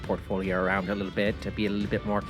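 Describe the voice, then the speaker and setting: A man's voice: on the low side, monotone, very fast, faint music behind, lightly acted. A man voicing a scheming, boastful male leprechaun selling crypto, with a put-on Irish accent and wheedling salesman patter. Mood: smug.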